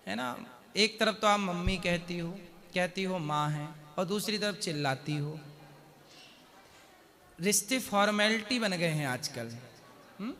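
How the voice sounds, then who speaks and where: A man speaking as a spiritual guru on stage, counseling a couple with questions and slowly recited couplets. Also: sits high, pushed and bright. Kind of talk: devotional advice to a couple. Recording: long hall reverb.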